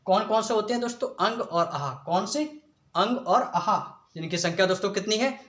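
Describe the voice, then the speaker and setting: A young man teaching an exam-prep lesson in a high voice. He puts each question to the class and answers it himself, with "friends" in almost every sentence. The room around him is echoey. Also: normal speed, a bit bright.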